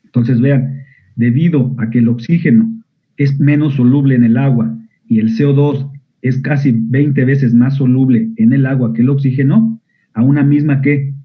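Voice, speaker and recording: A man's voice: medium pitch, fairly even intonation, moderate pace. Man lecturing over a tinny line. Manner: asks students frequent questions, clears throat often. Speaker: medical school lecturer. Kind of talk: online physiology lecture. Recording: narrow phone-like audio.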